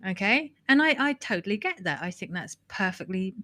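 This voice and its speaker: A woman's voice: medium pitch, very animated, fairly quick, sharp tone. A woman co-hosting a marketing podcast in casual chat, giggly and explaining things in lists with many restarts and fillers. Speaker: podcast co-host.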